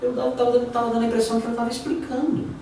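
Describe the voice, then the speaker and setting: A man's voice: very high-pitched, flat delivery, racing, dark tone. A man, a pastor, teaching a theology class in a conversational way, often acting out the voices of the people he quotes. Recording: echoey room, distant mic, noisy.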